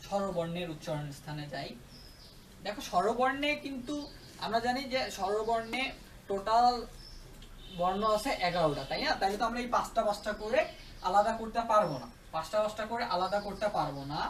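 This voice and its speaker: A man's voice: high voice, animated, brisk, distant mic, a little hiss or hum. A male tutor explaining a grammar lesson, often stopping to ask if students follow. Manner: checks understanding with repeated questions. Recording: roomy echo, away from the mic.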